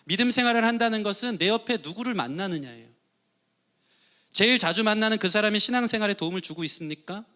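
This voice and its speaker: A man in middle age preaches from the pulpit, his voice sitting high and ringing bright. He keeps pressing the congregation with earnest questions as he preaches. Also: expressive, quick pace. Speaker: pastor. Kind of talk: sermon. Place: church sanctuary.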